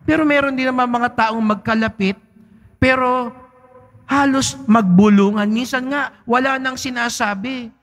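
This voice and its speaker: A man's voice: extremely high pitch, fairly even intonation, measured pace, fairly bright tone. A man, a priest giving a Sunday homily in a large church, speaks conversationally with teasing asides and frequent tag questions. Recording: long church reverb.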